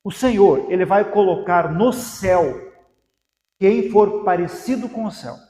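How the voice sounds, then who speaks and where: A Brazilian pastor preaching a sermon in a high, ringing voice. His words echo through a large hall with a long reverb trail. He drives the message with repeated rhetorical questions. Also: expressive, measured pace, dark tone. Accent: Brazilian Portuguese.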